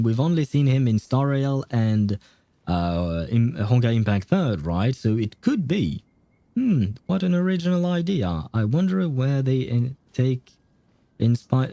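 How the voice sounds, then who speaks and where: This livestream host is a man whose medium-pitched voice has a dark tone, recorded with no echo. His casual game stream chat wanders, and he keeps losing track of what he was saying.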